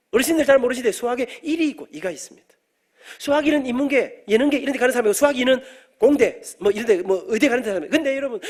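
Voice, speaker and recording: Lively fast-talking middle-aged preacher. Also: male voice, very high-pitched. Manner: animated storyteller, jokes with the congregation. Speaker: guest preacher, professor. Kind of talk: storytelling sermon. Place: church sanctuary.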